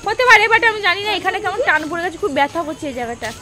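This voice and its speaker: A woman's voice: very high-pitched, animated, racing. A woman chatting casually to viewers in a family vlog, recorded on a phone held at arm's length. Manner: chatty, addresses viewers directly. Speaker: vlogger. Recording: loud street and traffic noise.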